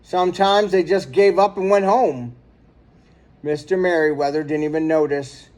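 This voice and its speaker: A man reads a children's story aloud, dramatic and expressive in true storybook fashion. His voice sits a little high, and he keeps a moderate pace.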